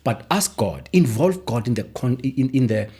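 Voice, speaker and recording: A man, a guest speaking earnestly about forgiveness and faith, often dropping his voice soft for emphasis. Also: expressive, normal speed, husky. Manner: earnest storytelling, voice drops soft and low for emphasis. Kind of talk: faith-based conversation on forgiveness.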